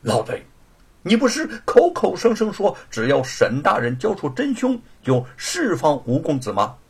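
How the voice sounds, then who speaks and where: A man voicing a proud young heroine avenger in a storytelling performance, speaking high and loud in fierce outbursts. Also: huge pitch swings, moderate pace, creaky, breathy edge, exaggerated voice. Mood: defiant.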